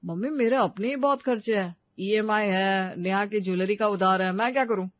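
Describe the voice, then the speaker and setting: Give me a woman playing a selfish grown son, dismissive and loud, muffled lo-fi sound. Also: medium pitch, normal speed, no echo, pitched above the performer's own voice, lightly acted. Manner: curt and dismissive. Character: grown son, selfish and cold to his parents.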